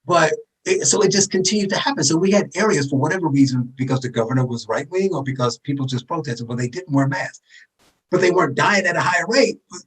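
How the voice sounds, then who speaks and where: A man talking as a podcast guest in animated political commentary, sarcastic and fond of mocking impressions. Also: a little high, fast talker, breathy edge, far from the mic, rough recording. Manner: sarcastic, jumps into mocking voices for emphasis.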